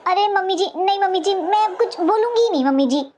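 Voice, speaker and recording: A woman's voice: very high voice, expressive, fast, mellow, some chatter behind, a little hiss or hum. A woman voicing a young daughter-in-law in a cartoon, pleading and flustered as she answers her mother-in-law. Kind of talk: cartoon voice acting.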